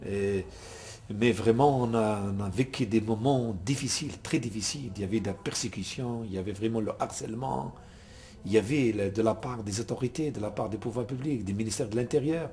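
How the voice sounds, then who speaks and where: A man's voice: fairly low pitch, a little fast, mellow. A man heading a religious organisation, answering an interview earnestly with many hesitations.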